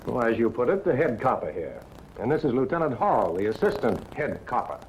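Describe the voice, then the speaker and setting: A stiff, easily offended colonel who heads the police, played by an actor. His speech is clipped, formal and quick. A faint hiss sits under the old film sound. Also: medium pitch, very animated, dull audio, close to an everyday voice. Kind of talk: 1940s film acting.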